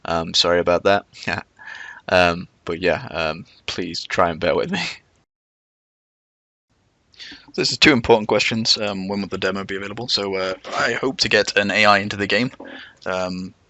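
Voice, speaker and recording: A man's voice: low voice, normal speed, bright, forceful tone, dry recording. A man with whistling S sounds, giving a rambling, self-deprecating, unscripted narration as a game developer.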